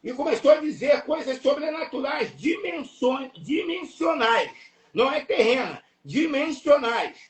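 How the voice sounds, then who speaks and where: A man with a Brazilian Portuguese accent preaching an impassioned sermon, emphatic and repetitive, breaking into shouts. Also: very high-pitched, animated, a little slow. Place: church or live stream hall. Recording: echoey room, voice from far off.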